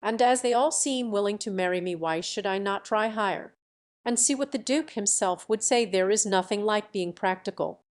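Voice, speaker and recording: A woman's voice: mid-range voice, normal speed, close to an everyday voice. A woman voicing a vain, scheming young country woman who brags about her beauty, in a storybook reading. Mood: boastful. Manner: boastful, self-satisfied.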